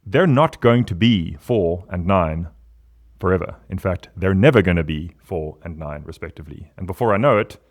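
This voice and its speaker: A man, a podcast guest talking in an animated, emphatic way with big swings in pitch. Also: moderate pace. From South Africa. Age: 40s. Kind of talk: casual podcast conversation.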